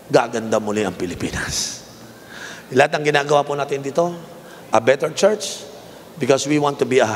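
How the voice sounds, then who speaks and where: A man in his fifties with a Filipino accent preaching a sermon as a bishop, his voice leaping higher on emphatic rhetorical questions. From Philippines. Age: 50s. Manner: voice rises sharply in pitch for emphatic rhetorical questions. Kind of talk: sermon mixing Tagalog and English. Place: large indoor arena. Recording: reverberant arena, faint crowd noise.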